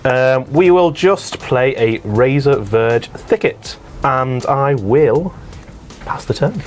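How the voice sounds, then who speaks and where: A man's voice: medium pitch, lively intonation, takes it slowly, soft background music. A man playing a tabletop card game, chatting playfully and often laughing. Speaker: player. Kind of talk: casual game table chat.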